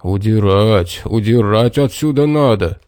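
Storybook bear played by a man, big, blustering, slow drawn-out growls, dry close sound. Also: mid-range voice, lively intonation, dark tone, no room sound, natural voice. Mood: angry.

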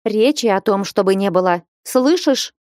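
A woman's voice: a little high, lively intonation, unhurried, darkish tone, no echo, clean studio sound, voice pushed up. A woman reading an audiobook voices a bold, bossy young village woman who scolds and commands sharply. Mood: scolding.

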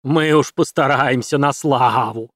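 A man voicing slow, greedy male fire spirits in an audiobook, with a drawling, sly manner. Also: mid-range voice, fairly even intonation, dry recording, clean studio sound, close to an everyday voice.

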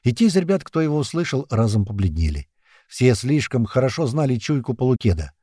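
A man narrating a first-person thriller audiobook in an expressive, tense way. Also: medium pitch, a little fast, husky, dry recording, studio quality.

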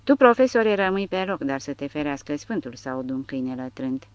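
A woman voicing an old male soldier leader who gives stern, hushed orders in an audiobook. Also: low-pitched, expressive, clean tone, no room sound, lo-fi sound. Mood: commanding.

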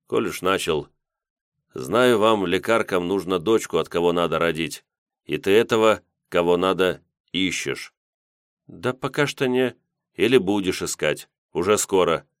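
A man voicing a young military captain who speaks calmly and earnestly. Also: sits low, unhurried, clean tone, no echo, studio quality.

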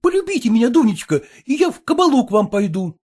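A man's voice: very high-pitched, very animated, moderate pace, a little mellow, husky, exaggerated voice. A man reading aloud, voicing an earnest, jealous and self-satisfied male suitor who pleads fervently. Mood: pleading.

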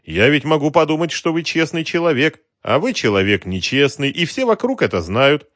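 A man's voice: fairly high pitch, big pitch swings, normal speed, a bit bright, no echo, clean studio sound, pitched above the performer's own voice. A man voicing a polite, mocking racketeer in a suit who talks down to a shopkeeper. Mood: cold, mocking. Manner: mocking, coldly courteous. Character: sly polite middle-aged male racketeer in a suit.

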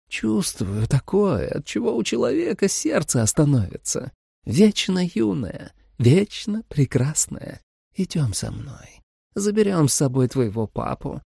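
A man voicing a cruel, seductive vampire mother in an audiobook, speaking slowly in a sweet, menacing croon. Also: a little high, creaky, dark tone, husky, no room sound, clean studio sound, pitched above the performer's own voice, exaggerated voice.

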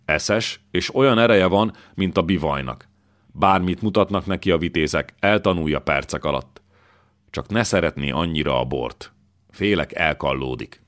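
A man doing a gruff army count. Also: low voice, a bit bright. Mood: approving. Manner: blunt and brisk.

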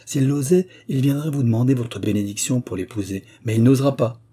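A man voicing a frank, lively young woman who teases her parents in a storybook reading. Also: mid-range voice, fairly quick, slightly rough, voice pushed up, close to an everyday voice. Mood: teasing.

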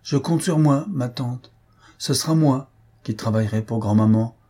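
A man reading an audiobook, voicing a proud young woman who speaks gently but firmly, close to his own voice. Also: medium pitch, normal speed, slightly rough, close to an everyday voice. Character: proud young woman, grieving, firm and dignified.

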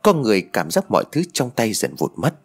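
A man narrating an audio story in an expressive storytelling manner. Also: fairly low pitch, fairly quick, vocal fry, slightly rough, faint music behind.

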